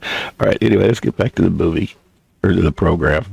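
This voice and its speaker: Gravelly, slow, very deep grandpa voice. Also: male voice, darkish tone, soft background music. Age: older. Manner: halting, unhurried, blunt. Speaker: reaction video host. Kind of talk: rambling casual commentary.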